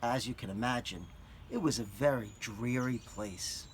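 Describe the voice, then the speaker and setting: A man reading a picture book aloud to children, gently stopping to explain words and show things. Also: mid-range voice, moderate pace, slight background noise. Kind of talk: children's read-aloud with asides.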